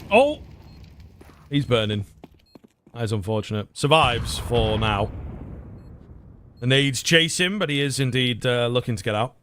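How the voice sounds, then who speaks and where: A man's voice: medium pitch, moderate pace, long pauses, fairly bright tone, slight background noise. A man giving live analysis and commentary on an esports match as a caster.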